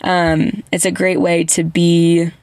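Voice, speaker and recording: A woman's voice: fairly low pitch, little pitch movement, takes it slowly, darkish tone, no room sound. A woman hosting a podcast, telling stories in casual, gushing chat with lots of "like" fillers. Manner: chatty, heavy use of "like" fillers; earnest, gushing storyteller. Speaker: podcast host.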